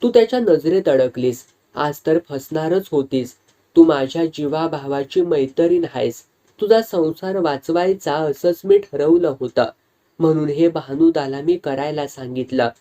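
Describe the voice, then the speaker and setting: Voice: medium pitch, a little slow, warm tone, lightly acted. A storyteller voicing a frank village wife who earnestly explains things to her close friend. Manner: earnest, confiding, explaining at length. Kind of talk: storytelling with character voices.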